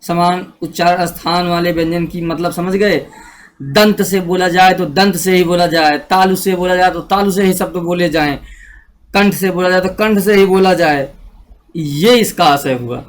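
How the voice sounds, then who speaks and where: With a high voice, a male grammar teacher lectures his class slowly, going over every rule more than once and making sure the students keep up.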